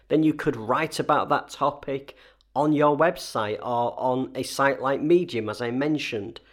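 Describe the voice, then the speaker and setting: A man with a slightly wheezy, chesty voice, getting over a cold, hosting a conversational solo advice episode with emphatic key points. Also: a little high. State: recovering from a cold and chest infection. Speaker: host advising freelancers.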